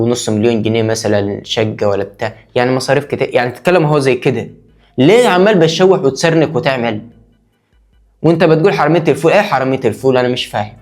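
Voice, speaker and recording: A man with an Egyptian Arabic accent giving mock-indignant comedic commentary in a sarcastic tone. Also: mid-range voice.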